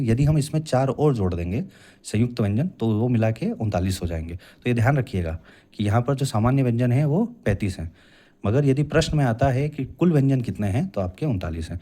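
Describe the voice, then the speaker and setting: A man's voice: mid-range voice, warm tone. A young man teaching a classroom lecture as an exam coaching teacher, patiently explaining and drawing out sounds to demonstrate them.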